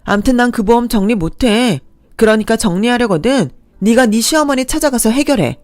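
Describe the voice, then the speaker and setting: A woman voicing an angry, defensive young woman who shouts back at a friend in a radio drama. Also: a little high, no room sound, clean studio sound, lightly acted.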